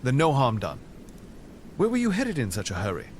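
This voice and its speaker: A man's voice: mid-range voice, huge pitch swings, moderate pace, slight background noise. An actor playing a noble, fatherly king in an audio drama, speaking formally and kindly. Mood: kindly, brisk.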